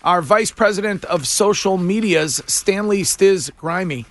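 A man's voice: sits high, measured pace. A man working as a morning radio host, delivering a contest promo in an announcer-like manner. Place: radio studio.

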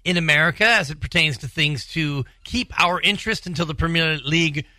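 A man with a very bright, punchy voice, pitched a bit high, hosts sports talk. He delivers recaps and questions, recorded dry and close. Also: brisk, dry recording. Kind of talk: presenting recaps and asking questions.

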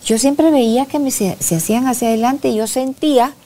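A soft-spoken woman psychologist talking reflectively in a casual podcast conversation. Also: a little high, brisk. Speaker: psychologist guest.

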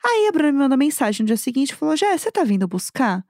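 High-voiced animated woman storyteller. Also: fast talker, no room sound, studio quality. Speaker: podcast co-host. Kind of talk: casual storytelling chat.

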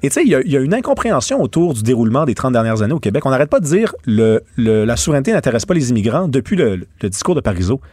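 A man's voice: mid-range voice, very animated, rapid-fire, few pauses, darkish tone, breathy edge, no echo, clean studio sound. A man with a Québécois accent giving opinionated political commentary on a talk show, with many stammered restarts. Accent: Québécois French. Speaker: radio show host.

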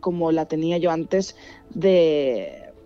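A woman's voice: low voice, lively intonation, slow, clean tone, muffled recording, soft background music. A woman from Spain with a Spanish accent, speaking openly and reflectively in an interview, with some hesitant fillers. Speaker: interviewee, journalist. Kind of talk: personal interview testimony.

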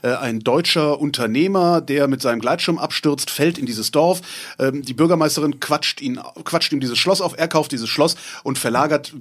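Dry, husky-voiced man podcast co-host. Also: a little high, normal speed. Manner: dry, wry, hesitant with fillers. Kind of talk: casual chat, summarizing a series.

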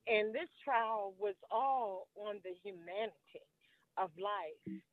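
A woman's voice: medium pitch, slow, no echo. A middle-aged woman calling in to a radio show over the phone, speaking earnestly and hesitantly with frequent ums. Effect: heard over a phone line. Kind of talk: call-in conversation. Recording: tinny phone line.

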